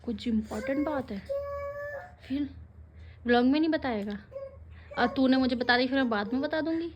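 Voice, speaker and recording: A woman's voice: high-pitched, normal speed, lo-fi sound, slight background noise. A woman hosting a casual family vlog, chatty and teasing, talking straight to her viewers while filming on a handheld phone. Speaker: family vlogger.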